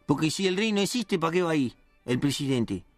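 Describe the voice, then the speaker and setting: A man's voice: fairly high pitch, expressive, fairly quick, no room sound, natural voice. A rowdy, slang-heavy hothead, played by a man with a Rioplatense accent rants in a raised, indignant voice. The sound is dry and close, with faint music underneath. It is radio comedy character work. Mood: ranting. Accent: Rioplatense Spanish. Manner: rambling, indignant, slangy rant.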